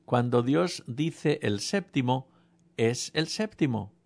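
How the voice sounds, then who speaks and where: A man's voice: medium pitch, expressive, takes it slowly, gravelly, a little mellow. A man preaching a sermon, telling a humorous personal story and speaking directly to the congregation. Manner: humorous storytelling, addresses audience.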